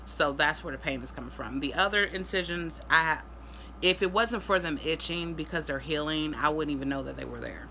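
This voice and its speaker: A woman speaking casually in a vlog update, sounding weary and drained, in pain after surgery, with halting delivery. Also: sits low, bright, forceful tone, a little hiss or hum, poor audio. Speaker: vlogger.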